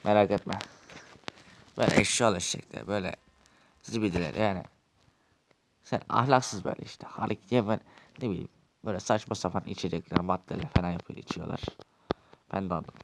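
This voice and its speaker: A man's voice: low-pitched, a little fast, pauses often, a little hiss or hum. A man acting out a quarrelsome, swearing Minecraft role-play dialogue.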